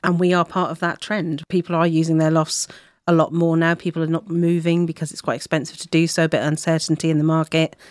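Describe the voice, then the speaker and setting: A woman's voice: low-pitched, flat delivery, fast talker, dry recording, clean studio sound. Chatty woman business guest. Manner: chatty, candid. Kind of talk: casual panel chat.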